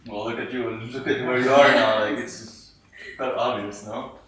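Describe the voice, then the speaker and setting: A young man co-hosts a casual talk show in an upbeat, chatty manner. His mid-pitched voice echoes heavily and sounds distant from the mic. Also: steady tone, moderate pace, a bit bright. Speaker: co-host. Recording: echoey room, voice from far off.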